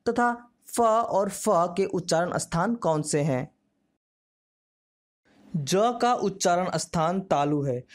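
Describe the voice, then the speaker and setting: Slow, careful Hindi pronunciation teacher. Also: mid-range voice. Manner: slow, carefully articulated, demonstrating sounds. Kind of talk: slow instructional lesson, word drills.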